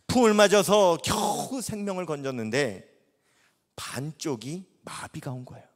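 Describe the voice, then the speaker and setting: A man's voice: a little high, unhurried. A middle-aged man preaching a sermon at a revival meeting, telling a story dramatically and acting out the dialogue. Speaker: pastor. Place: church sanctuary. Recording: long reverb in a large church hall.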